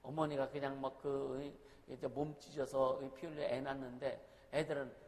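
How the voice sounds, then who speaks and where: A man's voice: mid-range voice, flat delivery, moderate pace, darkish tone. A man pastor preaching a sermon in a conversational way, often asking the congregation questions. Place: church sanctuary. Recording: long reverb of a hall, faint noise.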